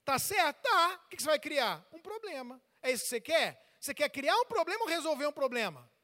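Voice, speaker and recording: Male pastor, very high voice, preaching, long church reverb, storytelling with call and response. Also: sing-song, brisk, bright, forceful tone. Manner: acts out church members' voices while telling stories. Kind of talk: sermon. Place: large church. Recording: long reverb of a large hall.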